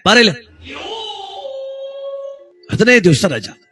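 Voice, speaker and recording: A man voicing a puzzled British officer who speaks halting broken speech mixed with English. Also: sits high, big pitch swings, sharp tone, soft background music, heavily acted. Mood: stern.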